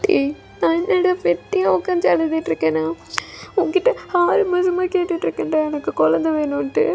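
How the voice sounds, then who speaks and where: A woman's voice: extremely high pitch, fairly even intonation, a little fast, gravelly, a little mellow, faint music behind, heavily acted. A woman voicing a young man who pleads tearfully and insistently with his lover for a child, in a fan audio drama. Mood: defiant.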